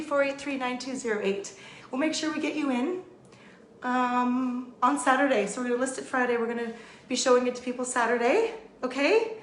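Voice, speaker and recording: An enthusiastic woman with a fairly high voice hosts a live home tour and keeps talking straight to her viewers. She walks through the rooms and outside with her phone, and her voice is getting a little hoarse. Faint noise sits behind her. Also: fairly bright tone. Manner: bubbly, enthusiastic, addresses viewers directly. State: losing her voice. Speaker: real estate agent. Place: indoors and outdoors at a house. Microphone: phone held while walking.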